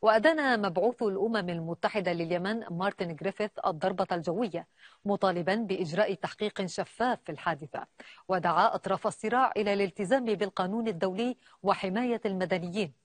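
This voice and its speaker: Brisk woman news anchor. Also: mid-range voice, no echo. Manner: crisp, formal newsreading delivery. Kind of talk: studio newsreading.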